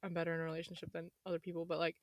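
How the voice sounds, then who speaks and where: A woman of about twenty speaks in a fairly low, slightly hoarse voice with very little room sound. She chats casually and wanders, often cutting herself off and restarting her thought. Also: completely flat delivery, rapid-fire, no echo. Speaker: podcast host. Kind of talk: casual chat.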